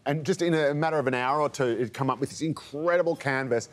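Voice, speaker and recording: A man's voice: medium pitch, fast talker. A man co-hosting a TV morning show, a playful, jokey interviewer on a studio lapel mic. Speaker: TV show co-host. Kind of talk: TV studio chat.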